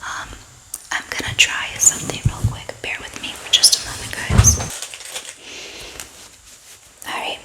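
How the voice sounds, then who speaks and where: A woman hosting an ASMR show-and-tell in a breathy, unvoiced whisper, chatting softly and ramblingly as her voice gives out. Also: a little slow, long pauses. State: losing her voice, sore throat. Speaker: ASMR channel host.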